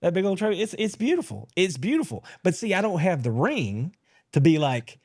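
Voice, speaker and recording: A man's voice: sits high, fairly quick. A man hosting a live sports podcast, chatting in a folksy, teasing way. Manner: animated, folksy, teasing banter. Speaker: podcast host. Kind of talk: casual live-stream sports chat.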